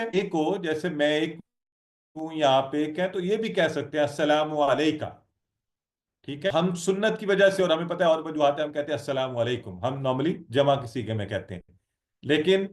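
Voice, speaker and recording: A man teaching an online Arabic lesson, patient and encouraging as he drills his students. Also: on the high side. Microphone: video call.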